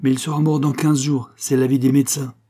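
A man's voice: mid-range voice, level tone, a little fast, dark tone, pitched above the performer's own voice, close to an everyday voice. A man voicing a jealous, mocking young Spanish nobleman in a cold, sneering manner.

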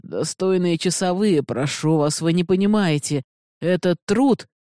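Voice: mid-range voice, unhurried, warm tone, dry recording, lightly acted. A reader voicing a desperate captive male doctor who pleads frantically, in a dry, close recording. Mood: pleading. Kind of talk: audiobook character voice.

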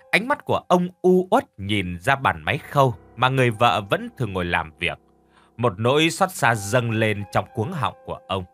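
A male narrator reads a horror story with lively, sweeping intonation at a middle pitch. He slows and speeds up for suspense. Quiet music runs under his voice. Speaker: audiobook narrator.

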